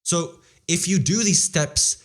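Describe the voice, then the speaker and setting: A teen boy, guest on an interview, speaks slowly in a voice that sits high. His manner is casual, earnest, and motivational, with lots of repeated phrases and restarted sentences. He's a Polish-English bilingual whose English is stronger.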